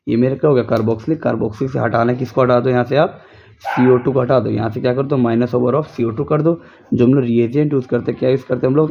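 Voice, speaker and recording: A young man gives a casual chemistry lesson from home, going over each step again and throwing questions at his students. His voice sits at an ordinary middle pitch. The recording sounds a little dull and lo-fi. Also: creaky. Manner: repetitive, drills students with rhetorical questions. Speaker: chemistry tutor.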